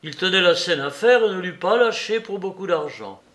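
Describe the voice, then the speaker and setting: A man reading a classic novel aloud as an audiobook narrator, measured and expressive. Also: high-pitched. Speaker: audiobook reader.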